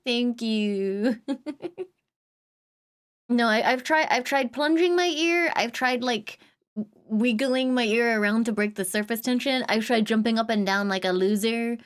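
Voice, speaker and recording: A woman live streamer chatting casually, humming little filler sounds and greeting viewers with bursts of excitement. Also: a little high, unhurried, pauses often. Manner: chatty, hums and scats little filler sounds between thoughts.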